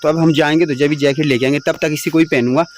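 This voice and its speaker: Speaking quickly in a steady, slightly high voice, a young vlogger chats and rambles about his home and village life, often laughing at himself. A little hiss or hum can be heard.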